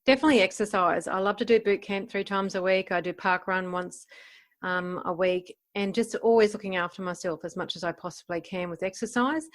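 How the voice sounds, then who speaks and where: Speaking a little fast in a mid-range voice, this Australian woman from the Gold Coast, Queensland, hosts a podcast interview. She keeps it casual and encouraging and sticks to plain language.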